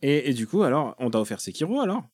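A man's voice: medium pitch, very animated, fast talker, a little mellow, breathy edge, no echo, clean studio sound. A man hosting a pop culture talk show in a casual, conversational style.

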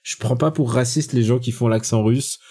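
A man in casual conversation about films, rambling from point to point and restarting his sentences. His voice is dark and mellow, sitting at an ordinary middle pitch. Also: steady tone, normal speed, breathy edge. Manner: chatty, digressive, with frequent restarts. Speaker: podcast host. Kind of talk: casual film chat.

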